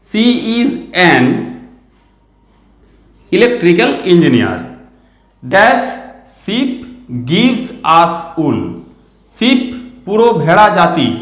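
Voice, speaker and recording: A man with a Bengali accent teaching a grammar lesson, dictating example sentences slowly and asking the class questions. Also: high voice, fairly bright tone. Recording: echoey room.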